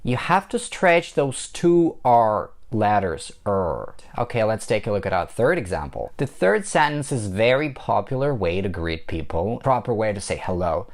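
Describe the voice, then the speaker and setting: A man with a Russian accent, a native Russian speaker, teaching an English pronunciation lesson and slowly repeating example phrases for practice. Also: lowish voice, big pitch swings. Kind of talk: language lesson.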